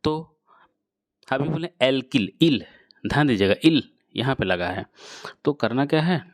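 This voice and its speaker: A male teacher explains chemistry slowly and patiently, often repeating his words for students. His voice sits at a middle pitch. The sound is dry and close, with little room echo. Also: lively intonation. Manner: slow, repetitive teacher's explanation, addresses students directly. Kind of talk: classroom lecture.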